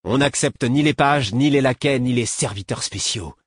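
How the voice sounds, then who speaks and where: Guy doing a snotty teen guard, belligerent and snapping, voice pushed up high. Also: normal speed, breathy edge, no room sound, clean studio sound. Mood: sneering. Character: brash aggressive teenage male guard.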